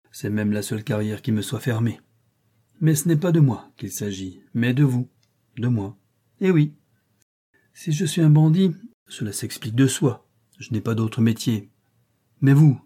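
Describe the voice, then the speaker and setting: A man's voice: medium pitch, dark tone, breathy edge, natural voice. A man voicing a cynical, mocking male bandit captain with an ironic manner in an audiobook reading.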